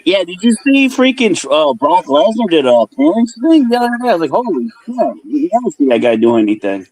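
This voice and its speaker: A man's voice: high voice, a little fast, slightly rough. Muffled guy coming through like from behind a wall, bouncy sing-song voice, swears a lot. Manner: lively, swearing, wrestling-fan talk. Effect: muffled, as if heard through a wall. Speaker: caller joining a live stream. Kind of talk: casual chat.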